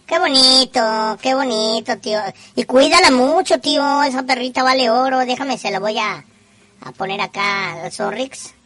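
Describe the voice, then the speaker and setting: A woman's voice: high-pitched, moderate pace, a bit bright. A woman with a northern Mexican accent hosting a call-in show in slangy, teasing, profane casual chat.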